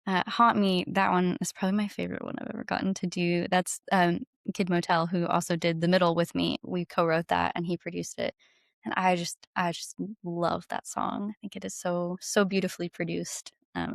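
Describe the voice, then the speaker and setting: The speaker is a female singer-songwriter on a podcast, making casual, enthusiastic small talk in an informal style. Her voice sits on the low side and is creaky, with a level tone and slightly fast pace. The studio-quality audio has no room sound.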